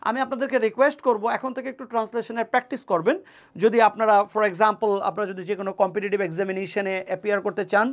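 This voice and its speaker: A woman teaching an exam-prep grammar lesson. She explains each step and slows down to say the English examples carefully, often pausing with hesitation fillers. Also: medium pitch.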